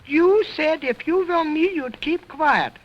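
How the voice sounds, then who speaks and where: A man's voice: very high voice, lively intonation, highs cut off, pitched above the performer's own voice, heavily acted. An actor voicing a cheeky, fresh-mouthed wooden ventriloquist dummy boy who wisecracks in broken grammar, in a 1929 film. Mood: sassy. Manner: wisecracking, sassy, broken grammar, slow drawl. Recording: vintage 1929 film soundtrack.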